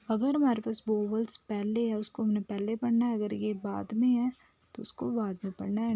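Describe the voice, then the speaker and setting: A woman teaches shorthand step by step in a mix of Hindi and English, patiently repeating herself and saying "theek hai" often. Her voice is on the high side, gravelly and warm, with no room sound, and she sometimes drops to a near whisper while writing.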